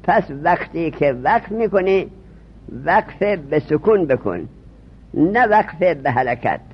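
Man, husky slightly high voice, classroom teacher, drills terms, quizzes students, dull lo-fi sound. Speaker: religious studies teacher. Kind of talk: classroom lesson. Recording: dull lo-fi recording.

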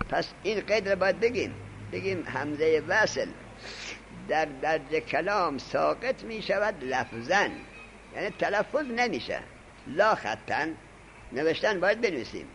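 A man's voice: a little high, sing-song, fairly bright tone, slight background noise, poor audio. A man teaching an Arabic grammar lesson, lecturing emphatically and dictating notes to his students. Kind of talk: classroom lecture.

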